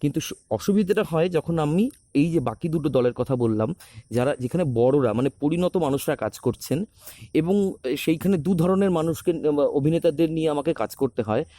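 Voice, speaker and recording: A theatre director and actor talking reflectively, with many pauses and restarts, recorded on a phone. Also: male voice, on the high side, lively intonation, warm tone, no room sound. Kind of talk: recorded talk on a podcast.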